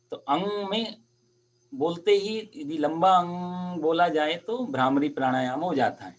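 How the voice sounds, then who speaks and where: Husky-voiced man teaching Sanskrit pronunciation. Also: a little high. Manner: patient, explains sounds by drawing them out slowly. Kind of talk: online Sanskrit pronunciation lesson.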